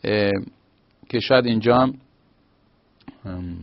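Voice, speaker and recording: A man teaching a grammar lesson, explaining patiently with small hesitations. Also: lowish voice. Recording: slightly dull lo-fi recording.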